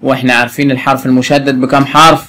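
Egyptian man teaching slowly and clearly. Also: mid-range voice, level tone, bright, forceful tone, a little hiss or hum. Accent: Egyptian Arabic. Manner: slow, clearly spelled out words with frequent quiz questions. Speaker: primary school Arabic teacher. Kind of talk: patient classroom explanation to a young pupil.

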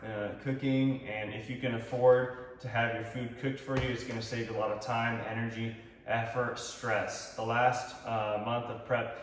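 A man's voice: mid-range voice, slight background noise. A young man with a Texan accent, chatting upbeat with many fillers as he walks through his fitness gear in a large home kitchen, filmed by a camera some distance away. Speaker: fitness vlogger. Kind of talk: casual product walkthrough. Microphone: far camera. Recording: roomy echo, voice from afar.

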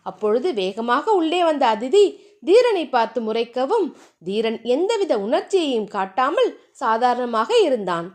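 A woman narrating a romance novel aloud with steady storytelling delivery. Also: high voice, measured pace. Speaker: audiobook narrator. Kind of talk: scripted narration.

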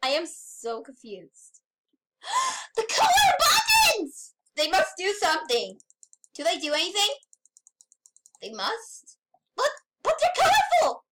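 A woman's voice: very high-pitched, huge pitch swings, a little slow, long pauses, slight background noise, rough recording. A woman playing a horror game and commenting, easily confused and often shrieking in panic. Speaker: gamer. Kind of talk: let's-play gameplay commentary. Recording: game music loud behind voice. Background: game music.

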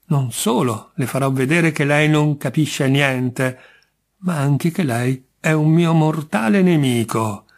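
A man's voice: fairly high pitch, slow, pitched above the performer's own voice. A man doing a bitter, menacing jinx. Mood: insistent. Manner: indignant, menacing, insistent. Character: bitter middle-aged man branded a jinx.

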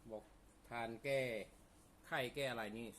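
A man's voice: a little slow, a bit bright. Man chatting casually with his mouth full. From Isan, northeastern Thailand. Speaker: food vlogger. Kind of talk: casual mealtime chat to viewers. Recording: clear background noise, birds chirping. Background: birdsong and ambient noise.

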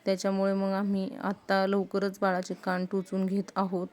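A woman hosting her family vlog, speaking softly and explaining calmly, with frequent hesitation fillers. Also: mid-range voice, normal speed. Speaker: family vlogger and channel host. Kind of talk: casual vlog introduction to camera. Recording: loud background noise.

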